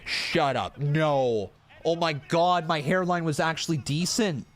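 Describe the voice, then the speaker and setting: A man's voice: on the high side, a little slow. A man from Canada in his thirties, a pro wrestling streamer chatting casually to his live chat, joking at himself and swearing now and then. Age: 30s. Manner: animated, talks straight to chat, swears, jokes at himself. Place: room in his rented home.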